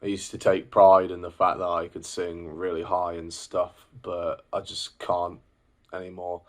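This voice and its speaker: A singer and vlogger in his twenties talks to camera in a deep, low voice with a completely flat delivery. Casual and personal, he rambles a little, pausing on fillers and restarting sentences as he works through his thoughts.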